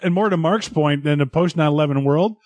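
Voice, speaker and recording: A man with a slightly high voice makes dry, wry remarks on a movie podcast and corrects the others. The sound is dry and close. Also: a little fast, darkish tone, dry recording. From Canada. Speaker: podcast co-host. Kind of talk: casual movie podcast chat.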